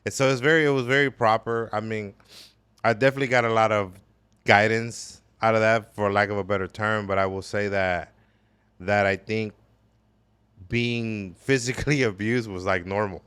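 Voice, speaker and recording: A man from El Salvador, a podcast guest, talking reflectively about his upbringing with many pauses and fillers. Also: lowish voice, fairly even intonation, fairly bright tone, smooth, no room sound. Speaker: podcast guest, business owner. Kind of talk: casual conversational interview. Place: gallery space.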